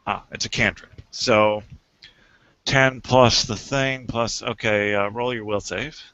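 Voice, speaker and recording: A man running a tabletop game as game master, relaxed and laughing as he looks up the rules. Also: fairly low pitch, slow, no room sound. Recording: dull lo-fi home recording.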